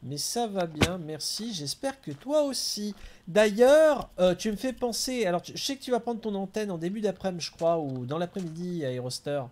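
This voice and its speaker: A man's voice: high-pitched, expressive, brisk, hardly any pauses, darkish tone. A man streaming a game, chatting casually and answering his viewers by name.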